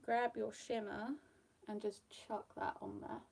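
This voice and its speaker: A young British woman with a faint Australian lilt chats casually through a get-ready-with-me makeup video, rambling with fillers and little laughs. Her voice sits at medium pitch with a level, unhurried tone, some vocal fry, and a darkish color.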